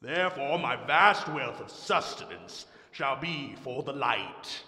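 A man voicing a pompous, greedy old male rat who hoards food, speaking gruffly in haughty old-fashioned phrases. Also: mid-range voice, animated, takes it slowly, bright, forceful tone. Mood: boastful. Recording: echoey room with long reverb.

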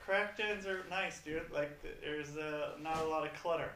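A man's voice: a little high, normal speed, sharp tone. Laid-back man with a doubled echo. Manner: laid-back, slangy, peppers talk with "dude" and "man". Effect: echo from a second device. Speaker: podcast co-host. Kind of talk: casual chat. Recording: echoey, distant mic with faint hiss.

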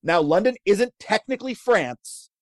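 A man co-hosting a casual chat, telling food history with wry, deadpan jokes. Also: high-pitched, normal speed, no room sound, clean studio sound. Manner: wry, deadpan jokes, laughs at own lines. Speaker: podcast co-host telling history.

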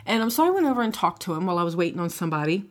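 A woman's voice: fairly low pitch, sing-song, very fast. Middle-aged female podcast co-host; casual, chatty, conversational. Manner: chatty, frequent "right?" and "you know". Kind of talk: casual chat.

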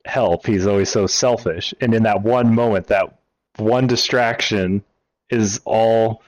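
Earnest low-voiced man, dry sound. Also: steady tone, unhurried, a little mellow, dry recording, rough recording. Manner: earnest, explaining. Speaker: podcast guest. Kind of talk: casual chat.

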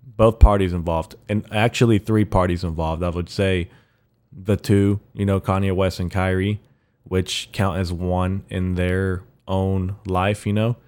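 Deep, raspy-voiced man rambling casually. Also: flat delivery, darkish tone. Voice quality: raspy morning voice. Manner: profane, slangy bro-talk; halting, rambling delivery. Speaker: podcast host. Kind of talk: casual solo podcast rambling.

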